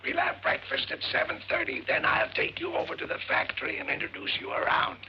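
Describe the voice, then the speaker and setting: An actor playing a cranky older uncle in a 1940s film, who has lost his voice and croaks hoarsely through his lines. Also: fast, a little hiss or hum, close to an everyday voice. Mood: gruff, grumbling. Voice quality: croaky, gravelly. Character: gruff older man, hoarse, feuding and cranky. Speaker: irritable rich uncle. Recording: muffled old film soundtrack.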